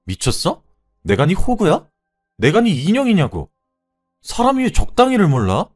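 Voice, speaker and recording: A man voicing a furious, fed-up young wife who shouts and mocks her husband. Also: lowish voice, animated, brisk, soft background music, lightly acted. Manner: shouting, scornful, biting.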